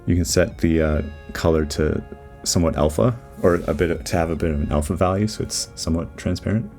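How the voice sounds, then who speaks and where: A man giving relaxed, rambling voice-over commentary on his 3D modeling timelapse, with lots of fillers and restarts. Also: deep voice, brisk. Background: faint background music.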